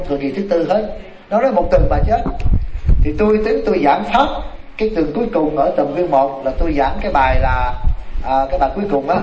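A man, a Buddhist monk telling a story in a dharma talk, animated and speaking straight to his listeners. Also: on the high side. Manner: animated, addresses the audience directly. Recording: echoey room, mic far off, noisy.

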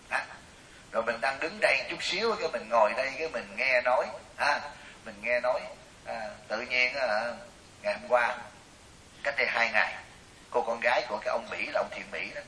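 A man, a Buddhist monk, giving a sermon to his congregation, telling lively everyday stories and often asking his listeners questions. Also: mid-range voice. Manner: animated storytelling, acts out quoted voices, asks audience questions. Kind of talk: dharma talk sermon. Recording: roomy, distant, hissy recording.

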